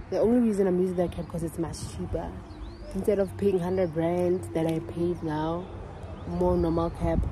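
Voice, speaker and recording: A woman's voice: lowish voice, distant mic. A woman from South Africa chatting casually to her vlog viewers. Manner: chatty, animated when annoyed. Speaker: vlogger. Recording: roomy sound from off-mic, faint background noise.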